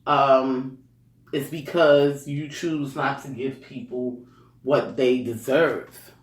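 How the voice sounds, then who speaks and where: Brief: man, mid-pitched, talking loosely about hard work, fillers everywhere, mic set back in a roomy space. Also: steady tone, slow. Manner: rambling, with frequent "you know" and "um"; chuckles between points. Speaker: speaker sharing life advice. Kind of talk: casual motivational monologue. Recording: roomy echo, distant mic.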